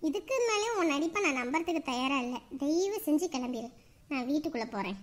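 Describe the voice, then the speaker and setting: A woman's voice: sits high, lively intonation, a little fast. A woman playing an emotional young village wife in a TV serial, who swings between tears and scolding. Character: young village wife, affectionate, sharp-tongued with her mother. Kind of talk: TV serial acting.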